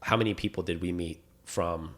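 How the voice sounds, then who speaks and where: Man, very deep voice, podcast co-host, enthusiastic rambling chat. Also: normal speed. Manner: enthusiastic, rambling, animated storytelling. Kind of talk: casual chat.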